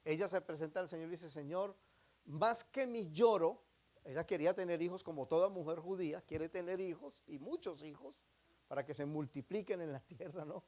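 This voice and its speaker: A man preaching a sermon, often asking the congregation questions, shifting between emphatic loud phrases and quiet asides. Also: on the high side, moderate pace. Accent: Latin American Spanish. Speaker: pastor.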